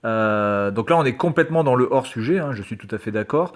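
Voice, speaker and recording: A man's voice: mid-range voice, expressive, fairly quick. A man reading quiz questions aloud and reacting to them with sarcastic, exasperated commentary. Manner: sarcastic, exasperated, swears and mutters. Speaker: video creator.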